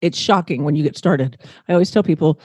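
A woman's voice: low voice, fast, dark tone, husky. A woman hosting a podcast, chatty and upbeat, recorded in a big echoey room in a house mid-remodel. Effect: big echoey room sound from a house mid-remodel. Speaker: podcast host. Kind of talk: casual podcast intro and interview chat. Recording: echoey room with long reverb.

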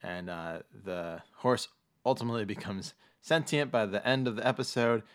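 Low-voiced man, halting podcast host. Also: smooth. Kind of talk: casual podcast chat.

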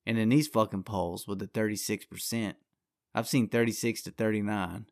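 A man's voice: on the low side, fairly even intonation, moderate pace, darkish tone, no echo, studio quality. A man hosting a podcast alone, ranting in a crude, rambling, combative way with constant swearing. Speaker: podcast host. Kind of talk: profane solo podcast rant.

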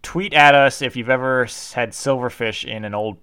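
A man's voice: mid-range voice, normal speed, pushed and bright, a little hiss or hum. A man co-hosting a podcast in casual, joking banter. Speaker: podcast co-host.

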